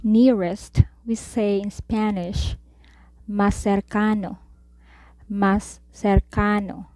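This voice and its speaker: Very slow woman teaching Spanish words. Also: medium pitch, flat delivery, mellow, no echo. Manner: says each word, then repeats it slowly. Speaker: Spanish tutor. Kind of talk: slow vocabulary lesson.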